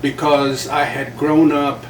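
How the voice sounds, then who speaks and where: In a relaxed interview, an older journalist and playwright from South Texas, a native Spanish speaker, reflects slowly on his career with small chuckles. His voice sits a little high and stays level, captured by a distant mic in a roomy space with faint background noise.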